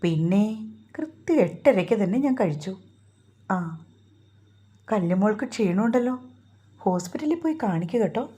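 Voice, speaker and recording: A woman's voice: mid-range voice, expressive, moderate pace, pauses often, dark tone, breathy edge. Woman reading as a kindly older father.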